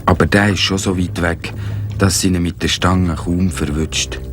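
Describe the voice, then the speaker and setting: Deep-voiced Swiss German male narrator. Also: steady tone, moderate pace. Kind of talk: scripted storybook narration. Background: cartoon music.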